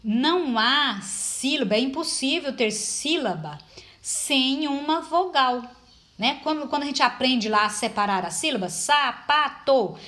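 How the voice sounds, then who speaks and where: Woman teacher, slightly high voice, patient, explains step by step. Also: lively intonation, a little slow, sharp tone. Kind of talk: informal classroom lesson.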